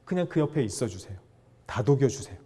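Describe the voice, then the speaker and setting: Animated male lecturer with lively pitch. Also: fast. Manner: animated, acts out dialogue, asks audience questions. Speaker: seminar lecturer on fatherhood. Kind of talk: lively lecture to an audience of fathers.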